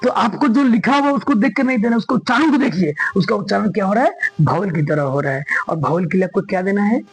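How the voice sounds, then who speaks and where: A man explains grammar in class, hammering points through repetition and quizzing his pupils along the way. His voice is high, husky and animated with vocal fry, his pace quick, and the audio poor.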